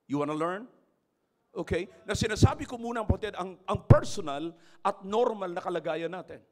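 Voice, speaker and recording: A man with a Filipino accent preaching a sermon in church, mixing English and Tagalog, calling out to his congregation and rising to shouts. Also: high voice, lively intonation, normal speed. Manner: switches between English and Tagalog, calls out to congregation; loud, dramatic preaching with shouting peaks. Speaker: pastor.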